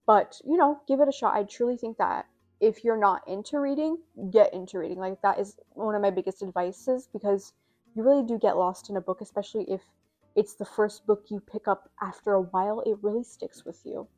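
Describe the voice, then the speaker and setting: A woman's voice: mid-range voice, a little fast, warm tone, faint music behind. A young woman vlogging in a casual, rambling way, full of "like" and "you know", a little out of breath with a scratchy throat. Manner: rambling, filler-heavy, self-deprecating. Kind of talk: casual chat to camera.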